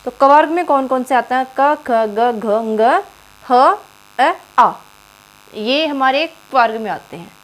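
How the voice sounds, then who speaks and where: A woman's voice: high-pitched, lively intonation, slow pace. A woman teacher giving an exam-prep grammar lesson, quizzing the viewer and repeating each syllable aloud.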